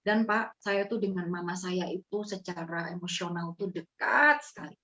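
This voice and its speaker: A woman's voice: lowish voice, normal speed, bright, forceful tone. A woman, earnestly telling her testimony to a host. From East Java, Indonesia. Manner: earnest, addresses the host as "Pak". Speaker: guest sharing a testimony. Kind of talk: heartfelt personal testimony. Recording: slightly muffled audio.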